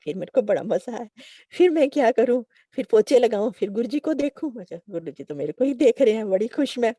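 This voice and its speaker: Middle-aged auntie telling a devotional story, mellow voice, dry close sound. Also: female voice, a little high, quick pace, dry recording. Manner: lively storytelling with quoted dialogue and soft chuckles. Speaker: devotee sharing a testimony.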